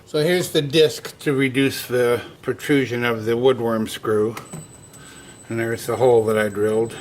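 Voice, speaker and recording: In a mid-range voice carrying a little hiss or hum, a male instructor demonstrates woodturning for his channel. His talk is casual, down-to-earth and folksy as he walks through every step.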